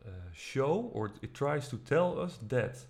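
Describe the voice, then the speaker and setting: A man teaching music production, walking through the software step by step in a relaxed, casual way. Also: medium pitch, takes it slowly. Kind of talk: screen-recorded software tutorial. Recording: faint music playing behind. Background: faint music.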